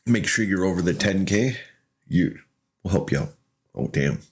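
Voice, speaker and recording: Excitable and quick to laugh, a gaming streamer narrates his own play in a casual way, acting out what he said in the moment through quoted self-talk. He has a low, breathy-edged voice and a moderate pace.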